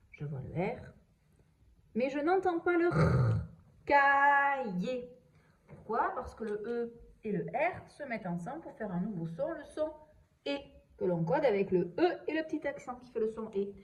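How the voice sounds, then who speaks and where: A woman teacher giving a slow, patient reading and handwriting lesson to young children, sounding out letters and describing each pen stroke. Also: fairly high pitch, a little mellow, rough recording.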